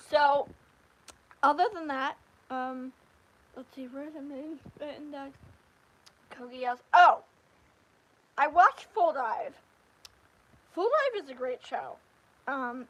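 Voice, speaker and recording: A woman hosting a casual livestream, chatting about anime in a rambling, animated way. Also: sits high, rough recording. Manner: rambling, animated, with frequent restarts and fillers. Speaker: livestream host. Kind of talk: casual anime review chat.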